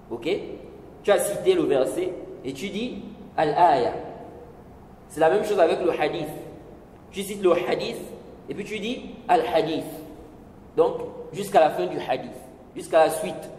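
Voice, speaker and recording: A man giving a religious lesson, explaining slowly, repeating points and checking with his listeners. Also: high voice, a little mellow. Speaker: religious teacher. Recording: echoey hall with faint noise.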